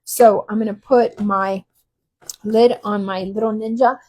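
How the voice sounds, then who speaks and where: A woman talks through a kitchen recipe in a loose, rambling way, filling pauses with ums. Her voice is slightly husky and sits at an ordinary middle pitch. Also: fairly even intonation, a little mellow. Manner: chatty, rambling, many ums. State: teary from cutting shallots. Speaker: cooking channel host. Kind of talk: casual cooking demo. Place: kitchen while traveling.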